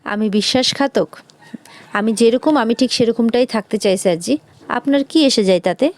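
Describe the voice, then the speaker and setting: A woman doing a sharp-tongued, defiant young maid. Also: on the high side, close to an everyday voice. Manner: indignant, rapid-fire retorts.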